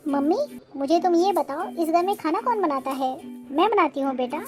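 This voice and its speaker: A woman voicing a bold, sharp-tongued young heroine in a cartoon, talking in a bossy, cutting way. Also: very high-pitched, expressive, moderate pace, faint music behind. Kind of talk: cartoon voice acting.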